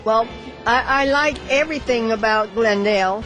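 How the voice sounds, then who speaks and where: A woman's voice: fairly high pitch, normal speed, a bit bright, soft background music, poor audio. A woman in her nineties from Los Angeles, speaking cheerfully as a birthday honoree. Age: 90s.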